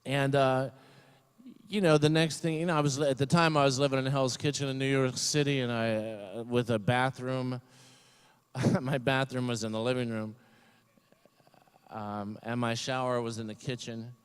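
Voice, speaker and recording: A man's voice: mid-range voice, fairly even intonation, normal speed, clear, resonant tone. An older man giving a comedic commencement speech at a graduation ceremony, rambling and self-deprecating with many fillers. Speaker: commencement speaker.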